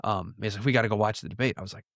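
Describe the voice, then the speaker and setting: A man in his late thirties from New York, a pastor guest, telling stories in an earnest, lively conversational way. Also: fairly low pitch, racing, no echo, clean studio sound. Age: 30s. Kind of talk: casual conversation.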